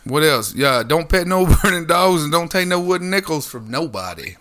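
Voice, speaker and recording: A man with a fairly high, sharp, bright voice co-hosts a casual podcast. He banters loudly, swears freely and throws out jokes. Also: animated, moderate pace, soft background music. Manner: loud, joking, profane banter. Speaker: podcast co-host.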